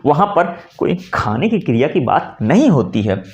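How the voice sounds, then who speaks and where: Male teacher, lively rising and falling voice, somewhat high, echoey room, muffled lo-fi sound. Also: moderate pace. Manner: animated, drawing out words and repeating them. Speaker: Hindi teacher. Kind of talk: online language lesson.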